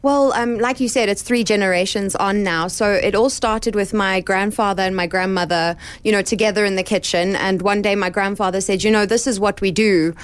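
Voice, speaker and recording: A woman's voice: medium pitch, steady tone, fairly quick, few pauses, clear, resonant tone. A woman who manages a restaurant, chatting in an interview with a friendly, easygoing manner and laughing easily. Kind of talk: casual interview chat.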